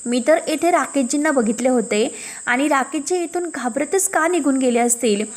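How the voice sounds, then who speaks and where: A woman voicing a modest, dutiful young woman who speaks softly and worriedly. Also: high voice, moderate pace, lightly acted.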